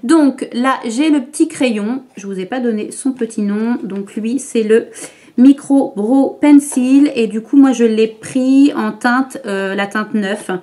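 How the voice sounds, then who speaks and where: Slow, chatty woman doing a makeup tutorial. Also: on the high side, dark tone. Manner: chatty, hesitant with many fillers. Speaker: beauty vlogger. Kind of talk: makeup tutorial talk to camera.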